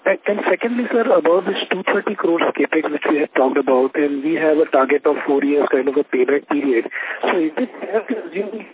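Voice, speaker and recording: A man's voice: a little high, lively intonation, fairly quick, few pauses, a little hiss or hum. A man, an analyst asking probing, repeated questions over a conference call line that keeps breaking up. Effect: conference call phone line, audio breaking up.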